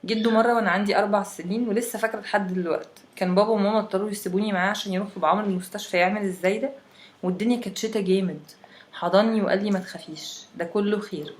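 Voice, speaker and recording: A woman's voice: mid-range voice, very fast, close to an everyday voice. A woman voicing a wry, chatty young Egyptian woman from Alexandria who tells a friend about winter.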